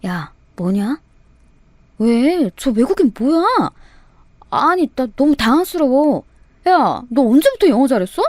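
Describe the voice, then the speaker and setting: A woman voicing a blunt, flustered young female friend who talks in quick, teasing bursts. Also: high voice, very animated, darkish tone, no room sound.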